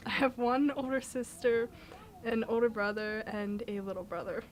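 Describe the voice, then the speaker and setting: A woman's voice: on the high side, normal speed. Dry, self-deprecating eighteen-year-old girl. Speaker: graduating homeschool student. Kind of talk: casual interview answers.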